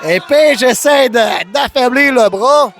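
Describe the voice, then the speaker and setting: A man with a Quebec French accent calls wrestling live as an excited, exclamatory commentator who often raises his voice. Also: extremely high pitch, slow pace, some chatter behind. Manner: exclamatory, often raising voice to a shout. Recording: noisy live event commentary.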